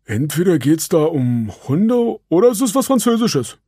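Man playing a big earnest clumsy guy, kinda husky, storybook. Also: fairly high pitch, sing-song, normal speed, dark tone, no echo, studio quality, voice pushed up. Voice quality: simple, earnest. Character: big clumsy good-natured male wrecker.

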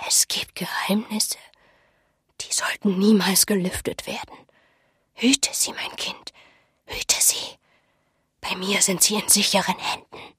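Creepy old village seer, slow ominous whisper, done by a female narrator. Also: mid-range voice, breathy edge, no echo, studio quality. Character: eerie old village woman, half-mad seer.

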